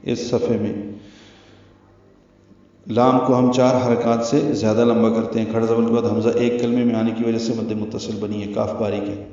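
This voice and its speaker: A man giving a Quran recitation lesson, explaining the rules step by step in a slow, methodical way and chanting verses, recorded in a very echoey room from a distance with a dull sound. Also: medium pitch, dark tone. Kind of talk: tajweed lesson.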